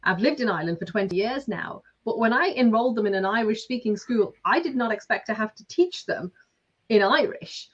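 Brisk, husky and animated, a woman with a voice on the high side gives casual interview talk full of fillers. She's in her forties, coaches businesses, and comes from Lancashire, England; the recording is slightly dull lo-fi.

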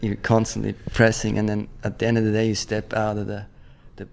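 The recording has a little hiss or hum, and the speaker's fairly low voice is brisk and creaky. He is a professional snowboarder in his thirties from German-speaking Switzerland, chatting casually as a guest, rambling and relaxed with many restarts and lots of "like."

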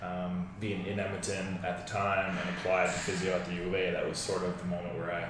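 A man's voice: deep voice, completely flat delivery, fast. A man, talking conversationally as an interview guest. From Newfoundland, Canada. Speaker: guest, physiotherapist. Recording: echoey, distant mic, noisy room.

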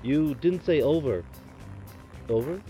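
A man doing a deadpan comedy bit as a trucker talking over a CB radio, full of radio lingo. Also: fairly high pitch, slow, faint music behind.

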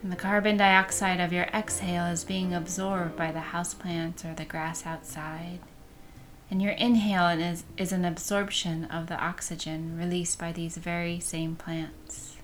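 A woman leading a guided meditation in a soft, soothing manner, with breath showing at the ends of phrases. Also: fairly low pitch, little pitch movement, normal speed, faint music behind.

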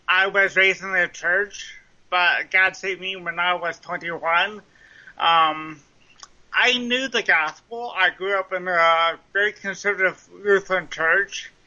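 Slurred, high-pitched man, like a drive-through speaker. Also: sharp tone. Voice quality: muffled, garbled drive-through speaker sound from a speech impediment. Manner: slurred, halting speech. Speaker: podcast guest. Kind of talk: personal testimony in a podcast interview.

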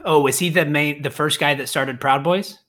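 A man chatting casually on a podcast, his voice bright and forward. He rambles and restarts sentences as he thinks aloud about the news. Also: on the high side, fairly even intonation, moderate pace. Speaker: podcast co-host. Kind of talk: casual political discussion.

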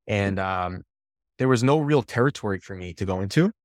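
A man, a podcast guest and sales coach, telling stories from his career in a lively, casual way and swearing now and then. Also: fairly low pitch, normal speed, no echo, studio quality. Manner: animated storyteller, swears casually. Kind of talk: casual interview storytelling.

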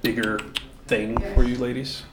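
A man's voice: medium pitch, little pitch movement, moderate pace. A laid-back man interviews musicians backstage, asking loose, rambling questions and laughing often. The room sounds echoey, with a faint hum of ambience behind him. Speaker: podcast host. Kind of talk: casual interview. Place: backstage at a theater.

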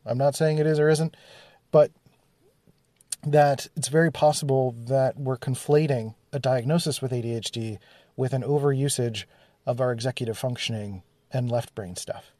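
A man's voice: mid-range voice, warm tone, no room sound. A man hosting a solo podcast, thinking aloud casually with plenty of fillers, recorded on a phone in his studio. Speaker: podcast host.

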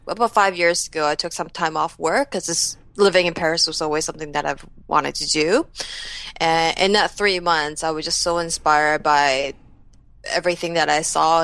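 Guest, woman in her 30s, Canadian accent, relaxed and modest, low voice, dry. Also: no echo. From Taiwan, raised in New Jersey and Canada. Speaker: photographer guest. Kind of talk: conversational interview.

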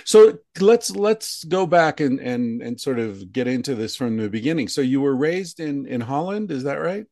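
A man's voice: medium pitch, sing-song, normal speed, darkish tone, dry recording, studio quality. A man hosting a conversational interview, musing aloud with frequent restarts and fillers. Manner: thoughtful, rambling with many restarts. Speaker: podcast host.

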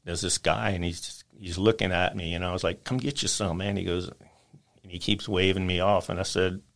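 A man, a guest on a podcast, telling lively stories and acting out the lines of customers. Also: sits low, normal speed, gravelly. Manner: animated storyteller, acts out customers' lines. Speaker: guest, spice rub maker. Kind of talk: casual storytelling chat.

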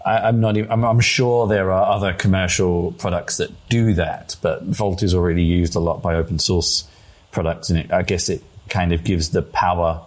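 Deep-voiced male interviewer. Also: steady tone. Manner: halting questions with restarts and laughs. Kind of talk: conversational interview.

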